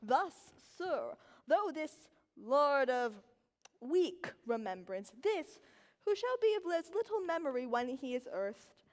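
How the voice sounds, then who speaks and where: A woman plays an ambitious, plotting courtier on a Shakespearean stage. The delivery is hammy and declamatory, high-pitched and slow, with sweeping rises and falls in a reverberant hall. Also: sing-song, exaggerated voice. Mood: persuasive, insistent. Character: scheming, ambitious courtier urging a drowsy lord to seize a crown.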